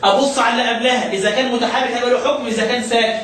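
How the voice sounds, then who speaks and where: High-voiced Egyptian man teaching Quran recitation. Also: steady tone, a crowd in the background. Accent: Egyptian Arabic. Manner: questioning, step-by-step explaining, slow drawn-out recitation. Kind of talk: tajweed lesson with a student. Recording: very echoey room, mic far off.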